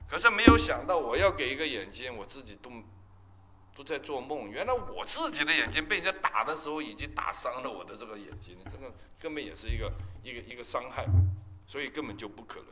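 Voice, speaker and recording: A man's voice: medium pitch, big pitch swings, fast, background noise. A male pastor, giving an emotional testimony sermon with emphatic storytelling.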